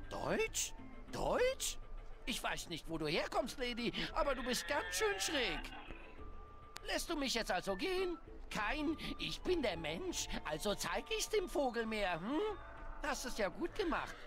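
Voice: medium pitch, sing-song, a little slow. A voice actor playing a sarcastic, grumbling talking crow in a video game, with game music behind. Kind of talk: game dialogue.

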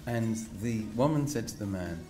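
A man's voice: fairly low pitch, expressive, normal speed, mellow, soft background music. A man giving a comic introduction speech at a conference lectern, telling a story playfully and building to punchlines. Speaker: guest speaker introducing an honoree. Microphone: lectern mic.

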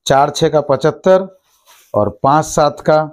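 Recorded on a lapel mic inside a small shop office, a male shop owner in his thirties goes through plastic goods and what they cost, quickly repeating each price. His voice is a little high.

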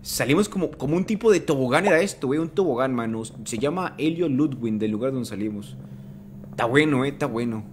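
A man from Colombia with a Mexican-sounding Spanish accent, commentating a live game stream and greeting his chat, prone to sudden excited shouts. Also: medium pitch, a little fast, a little hiss or hum. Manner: excitable, bursts into shouts at scares. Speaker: gaming streamer.

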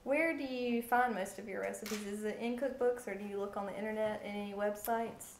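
A woman's voice: mid-range voice, brisk, reverberant, a little hiss or hum. A young woman reporter in a large home kitchen, interviewing a guest cook with friendly, curious questions.

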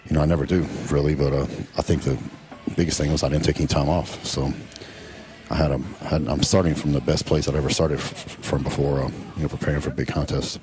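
This voice-over comes from a professional bodybuilder, a middle-aged man from Texas whose bass voice rumbles. He talks in a relaxed, drawn-out way, sprinkling in plenty of "uh" and "you know."

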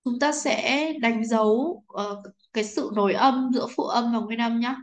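A woman teacher with a Vietnamese accent guides a class through an English exercise. Her voice sits slightly high. She explains patiently and keeps asking whether students follow. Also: normal speed, a little hiss or hum. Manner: patient, asks "right?" often. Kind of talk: explaining a textbook lesson.

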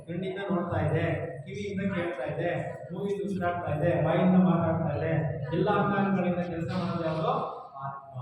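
A man working as a museum guide, explaining pictures on the walls to a group, asking them questions and telling them where to stand. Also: high voice. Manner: asks the group questions and has them repeat answers. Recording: echoey hall, far from the mic, with a crowd.

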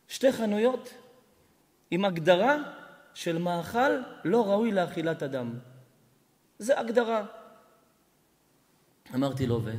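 A rabbi preaches to an audience in a loose, storytelling way and builds into fiery rebuke. His voice sits high for a man. The sound rings with the long reverb of a hall. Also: darkish tone. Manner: impassioned, acts out quoted dialogue, rising to rebuke. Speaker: rabbi giving a lecture. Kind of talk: colloquial sermon with storytelling. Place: synagogue or hall before an audience.

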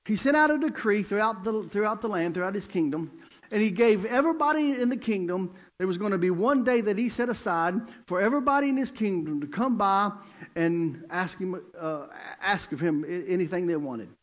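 Male evangelist, high and lively, emphatic storytelling sermon in a church. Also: a little fast.

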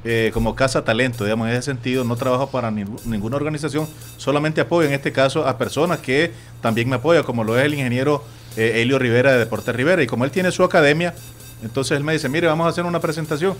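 A man with a Nicaraguan Spanish accent hosting a sports radio talk show, telling stories in an animated way and acting out other people's voices. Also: mid-range voice, fast talker, soft background music. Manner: animated storytelling, acts out quoted voices. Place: radio studio.

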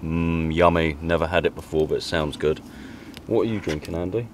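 A man's voice: deep voice, brisk, a little hiss or hum. A man chatting casually and teasing his friends at a woodland camp at night. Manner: jokey, teasing. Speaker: vlogger. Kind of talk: casual chat by the campfire.

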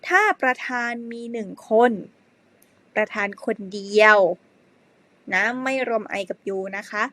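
A woman teaching an English grammar lesson to primary pupils, speaking slowly and spelling words out letter by letter. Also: mid-range voice, fairly even intonation, sharp tone, dry recording. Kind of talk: slow spelled-out classroom lesson.

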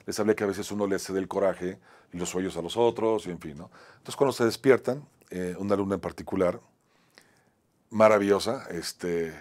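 Man, Mexican accent, lowish voice, acting teacher, storytelling, voice moves from strong to soft. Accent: Mexican Spanish. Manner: storytelling, often ends phrases with a tag question, voice swings from strong to soft. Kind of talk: personal anecdote on a talk show.

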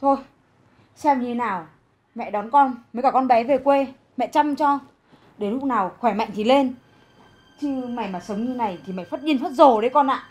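An actress playing an older rural grandmother, gentle and pleading with her hosts and protective of her daughter. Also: a little high, moderate pace, husky. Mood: indignant care. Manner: gentle and pleading, turning indignant. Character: caring rural grandmother, the bride's mother. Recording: music underneath.

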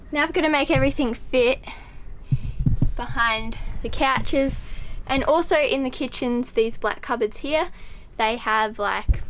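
A woman's voice: on the high side, a bit bright. A teenage girl casually vlogging from a sailboat cabin and a car, speaking into a handheld camera held at arm's length and filling her talk with "like". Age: teens. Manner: chatty, filler-heavy with frequent "like". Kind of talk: casual vlog narration. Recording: noisy handheld camera audio.

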